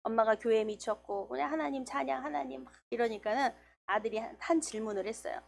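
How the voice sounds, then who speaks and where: A middle-aged woman preaching a church sermon, telling a story with lively quoted dialogue. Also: a little high, fast talker, creaky.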